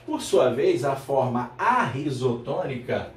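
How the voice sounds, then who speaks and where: A male Brazilian Portuguese teacher giving a grammar lesson to his viewers, slowing down to repeat key terms and checking in with the student. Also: medium pitch, very animated, recorded from a distance. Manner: addresses viewer as "meu aluno", checks in with "tá legal?". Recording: echoey room, voice off-mic.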